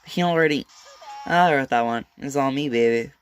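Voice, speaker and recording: A man's voice: medium pitch, clear, resonant tone, faint music behind, natural voice. A man voicing a gleeful, mocking male bear mastermind in a manga read-aloud, sneering and drawing out his words. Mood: gloating. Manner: taunting, drawn-out sneering.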